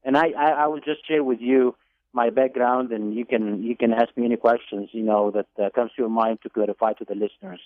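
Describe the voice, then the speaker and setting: A man's voice: medium pitch, fairly even intonation, no echo. Man from Egypt on a tinny phone line. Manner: deliberate, with repeated words and fillers. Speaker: guest. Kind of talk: telling his life story on a radio call-in. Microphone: telephone.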